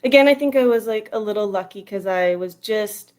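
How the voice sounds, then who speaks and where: A woman in her thirties from Edmonton, Canada, with a western Canadian accent, is a guest in a casual interview and talks in an informal, rambling way. She's a retired national team baseball player. Her medium-pitched voice is brisk and a little mellow.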